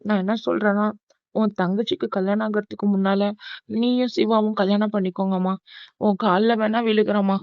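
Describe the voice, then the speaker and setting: A woman's voice: medium pitch, fairly even intonation, a little fast, no room sound, highs cut off, natural voice. Woman voicing a scheming, pleading cartoon aunt. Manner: pleading and emotionally pushy. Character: scheming middle-aged aunt, sweet to your face. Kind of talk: cartoon voice acting.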